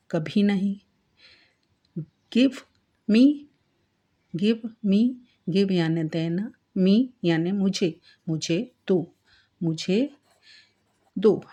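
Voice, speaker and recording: A woman's voice: medium pitch, warm tone, slightly rough. A woman teaching a spoken-English lesson, calling out each English phrase with extra force, then repeating and explaining it.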